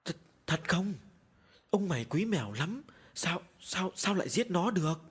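A frightened older mistress of the house, as a male narrator puts her on, raised well above his own voice. She calls out in alarm and stumbles over her words, with a husky edge, in a Vietnamese-style storybook horror reading. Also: sits high, expressive, fairly quick, fairly bright tone, voice pushed up, exaggerated voice. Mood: anxious. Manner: alarmed, calling out, stammering.

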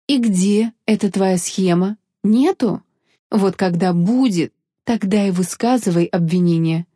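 A woman reading an audiobook voices a drunk, jealous, haughty sorceress with shrill, mocking speech. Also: measured pace, mellow, no echo, clean studio sound, natural voice. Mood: scornful. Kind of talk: audiobook character voice.

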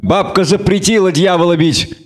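A worried village peasant pours out his story in a folksy, rambling way, voice pitched well up and earnest, as a male narrator puts him on. He talks in homely country speech, eager to explain everything at once. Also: normal speed, close to an everyday voice. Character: anxious talkative middle-aged village man.

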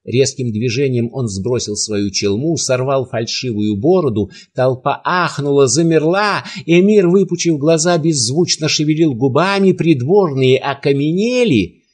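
A man reading a story aloud in an expressive storytelling manner. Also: medium pitch, unhurried, hardly any pauses, breathy edge. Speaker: narrator. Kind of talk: audiobook reading.

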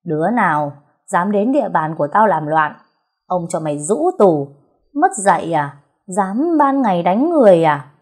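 A pompous old-style district official, played by a woman narrator, blustering at commoners and fawning over his betters. Her voice stays warm and husky under the bluster, pitched a little up. Storybook reading. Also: expressive, brisk. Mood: swaggering. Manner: swaggering, then obsequious. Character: arrogant, fawning male district mandarin.

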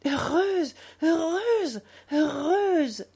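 Woman voicing young society lady, radiant, effusive, high bright voice, slow lingering delivery. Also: very animated, heavily acted. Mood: effusive joy. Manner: bright, effusive, raised pitch. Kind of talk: audiobook character reading.

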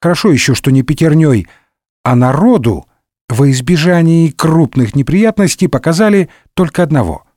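A man's voice: fairly high pitch, expressive, normal speed, a little mellow, no room sound, clean studio sound, pitched above the performer's own voice. A man voicing a scheming, sardonic middle-aged cardinal in a comic audiobook, wry and condescending. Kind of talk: audiobook character voice.

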